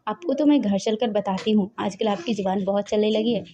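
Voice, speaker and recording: A woman voicing a quick-tempered middle-aged mother who scolds her husband, in a dull lo-fi recording. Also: medium pitch, warm tone, natural voice. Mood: indignant. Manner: indignant, scolding.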